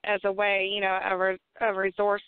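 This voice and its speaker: A woman's voice: medium pitch, monotone, moderate pace, clean tone, no echo. A woman with an Appalachian accent, a guest who tells stories and laughs easily in casual chat. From West Virginia, Appalachia. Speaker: guest, moonshine maker. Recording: tinny phone-like dry sound.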